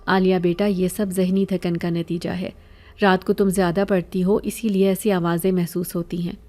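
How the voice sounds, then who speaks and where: A woman voicing a calm, matter-of-fact middle-aged father in a spoken horror story. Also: lowish voice, lightly acted. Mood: steady.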